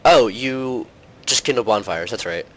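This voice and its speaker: A young man runs a gaming channel and comments on his gameplay in a loose, rambling style packed with fillers. His medium-pitched voice is a bit slow and slightly hoarse from a cold.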